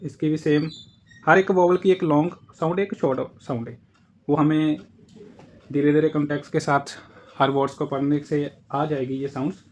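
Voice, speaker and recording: A man with an Indian accent gives a casual spoken lesson in a slightly high voice. He explains things patiently and says each example word more than once. A faint hum runs under the recording. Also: fairly even intonation, normal speed. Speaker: German language teacher.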